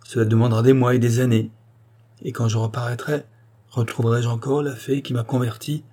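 A man's voice: mid-range voice, flat delivery, fairly quick, mellow, close to an everyday voice. A man reading an audiobook, voicing an earnest, impassioned young man in love who is making vows. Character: ardent young man in love, late twenties.

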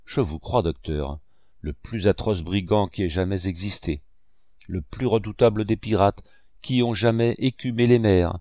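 A man's voice: lowish voice, moderate pace, dark tone, no echo, studio quality, lightly acted. A man reading as a blustering, haughty old-world squire. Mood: hearty. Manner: exclaiming, grandiose. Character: big hot-tempered haughty English squire.

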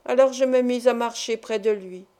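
Female audiobook narrator, slightly high, mellow, measured.

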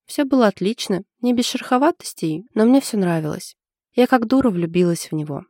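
An anxious young woman in love, confiding her trouble in a hesitant way, as a woman reads her part. The voice is mellow and dark. It sounds dry and close. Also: mid-range voice, expressive, fairly quick, dry recording.

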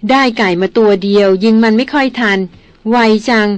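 A woman's voice: fairly high pitch, moderate pace, no echo, natural voice. A woman voicing a headstrong young noblewoman who complains sharply, in a dry audiobook recording. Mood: cheerful. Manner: indignant complaining.

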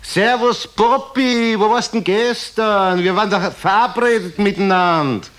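A man's voice: high voice, measured pace, fairly bright tone, voice pushed up. A man voicing a chatty, curious aristocrat who keeps prying with eager questions. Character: chatty curious Viennese aristocrat friend, middle-aged man. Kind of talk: comedy record joke telling.

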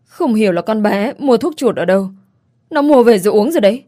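A woman's voice: medium pitch, lively intonation, brisk, dark tone, close to an everyday voice. A woman voicing a harsh, scornful father who snaps and sneers. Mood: angry.

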